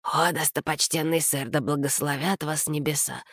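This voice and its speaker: A wheedling crippled beggar man begs for a coin in a hushed, fawning whine, as a woman reading the story puts him on. The voice sits low and quiet, ingratiating. It is a storybook figure in an audiobook reading. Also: fairly even intonation, normal speed, no room sound, clean studio sound.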